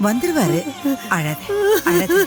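An actress playing an older aunt who gently comforts crying relatives. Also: female voice, fairly high pitch, sing-song, slow pace, over music. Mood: soothing. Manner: soothing, gently insistent. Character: soothing older aunt of the household. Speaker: aunt consoling the family. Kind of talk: Tamil TV serial acting.

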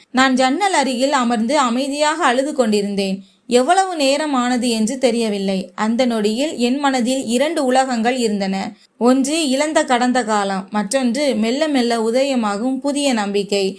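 A woman tells a story in the first person, measured and heartfelt. Her voice sits slightly high, and the telling stays steady and calm.

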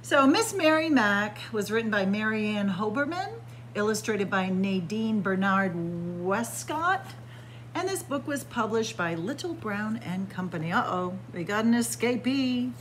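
Her mid-range voice is animated and her pace measured as this sixty-something children's librarian reads a picture book aloud, chanting rhymes sing-song with playful asides. She sits close to a webcam in a library with bookshelves, and there's a little hiss or hum.

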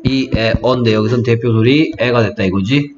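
A man's voice: mid-range voice, normal speed, background noise. A man tutoring English phonics one-on-one, quizzing his student on letter sounds. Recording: dull lo-fi audio with music.

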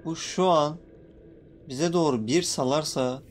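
A man's voice: a little high, unhurried, slight background noise. A young man giving casual, jumpy gaming commentary, nervously reacting to creatures and talking to viewers. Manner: jumpy, excitable, swearing playfully at in-game creatures. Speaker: gaming YouTuber. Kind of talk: casual Let's Play commentary.

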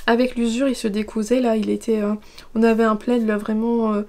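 A woman's voice: a little high, flat delivery, brisk, warm tone. A French woman hosting a knitting vlog, chatting casually and rambling with many fillers and asides. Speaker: knitting podcast host.

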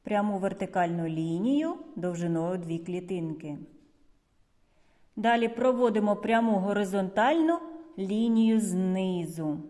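A woman from Ukraine teaching young children in a video lesson, speaking slowly and patiently and stretching out sounds and syllables. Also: mid-range voice, animated, mellow, in a large hall. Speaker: kindergarten teacher.

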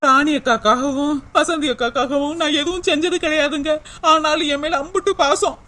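A woman's voice: high-pitched, steady tone, moderate pace, bright, forceful tone. A woman voicing a hurt, humble young wife in a cartoon, speaking in a sorrowful, grateful way. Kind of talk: cartoon voice acting.

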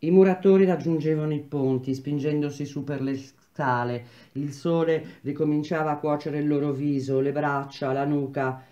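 A woman reading a novel aloud in a measured, even storytelling manner. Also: low-pitched, dull audio. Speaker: reader of a novel.

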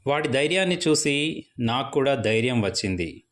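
A young man telling his own ghost story to listeners, building suspense line by line. His voice sits at an ordinary middle pitch, and his delivery stays steady and unhurried. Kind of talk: first-person ghost story narration.

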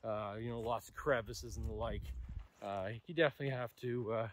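Man narrating a grassland hike, halting. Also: mid-range voice, a little hiss or hum. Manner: relaxed, halting, many fillers. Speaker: wildlife photographer. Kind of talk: casual vlog narration while hiking. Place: outdoors in open grassland.

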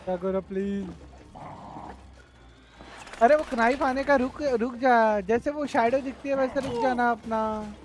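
A man's voice: extremely high pitch, unhurried, long pauses, slight background noise. A man streaming a co-op game, giving bossy, urgent instructions to his partner and teasing his chat. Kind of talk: casual live-stream gaming chat.

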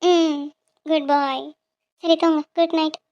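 A voice actor playing a loving, tearful mother in a cartoon, speaking softly to her son. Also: high-pitched, level tone, slow pace, dull audio. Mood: tender.

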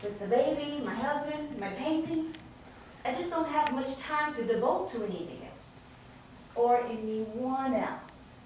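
An actress playing a tired, patient young mother who speaks in a measured way, in a stage play. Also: high voice, lively intonation, darkish tone, recorded from a distance, slight background noise. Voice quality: measured, trying to get a word in. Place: theater stage. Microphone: far room mic. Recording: echoey stage recorded from afar.

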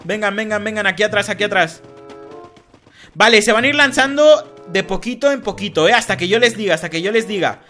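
A young man narrates his multiplayer minigame with restless energy, his voice pitched very high and bright. Soft background music runs beneath his excited calls to the other players. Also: a little fast. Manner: energetic, shouts and laughs at the action, calls viewers "cracks". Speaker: gaming youtuber hosting a minigame. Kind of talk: excited gameplay commentary.

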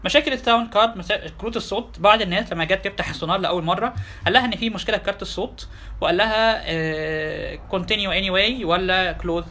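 A man with an Egyptian Arabic accent giving a casual software tutorial, talking fast and asking his listeners rhetorical questions. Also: high voice. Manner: quick, chatty, addresses listeners directly with rhetorical questions. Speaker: software instructor. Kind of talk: tutorial lecture.

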